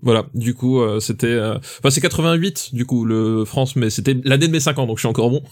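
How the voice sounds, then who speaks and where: A man's voice: mid-range voice, fairly quick, darkish tone. A man in his forties in a casual chat, hesitant and laughing often. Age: 40s. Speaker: podcast co-host.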